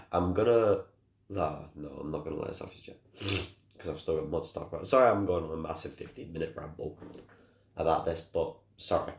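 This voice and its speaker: A young man with a very deep voice, hoarse and cracking from a sore throat. He rambles casually, restarting sentences and apologizing as he goes. The sound is echoey, like a bare room. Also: darkish tone. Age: young adult. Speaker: gaming YouTuber.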